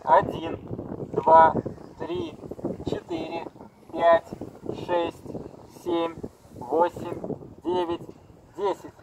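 A man's voice: high-pitched, very animated, extremely slow, gravelly, long pauses, far from the mic, noisy background. A man who operates the second station speaks over an underwater radio set, giving a formal radio check and counting aloud in short, clipped phrases. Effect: heard through an underwater radio set.

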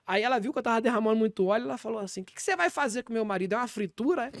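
In a deadpan comic podcast monologue, a man voices a self-styled apostle, a brash, shameless pastor, using a Brazilian Portuguese accent and an extremely high pitch. He races along, rambling with churchy asides. The close-miked recording is dry, from a dead room.

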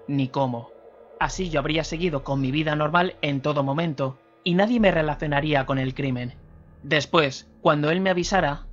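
Calm, remorseful ex-convict, read by a male narrator; measured and earnest, muffled radio audio. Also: a little high, lightly acted. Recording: slightly dull radio recording, faint music.

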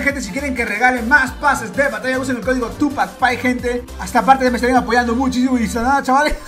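Hyped young man with high voice. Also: a bit bright. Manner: hyped, fast, mixes slang and laughter. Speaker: gaming video host. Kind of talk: excited gaming prank commentary. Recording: faint music underneath. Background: faint background music.

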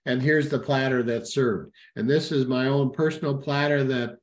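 A man's voice: medium pitch, steady tone, moderate pace. Middle-aged guy doing a cruise sales webinar on a webcam, lots of uhs, roomy echoey sound. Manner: informal, frequent "uh" fillers and self-corrections. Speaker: cruise line sales representative. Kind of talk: webinar slide presentation. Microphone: webcam at a desk, video call.

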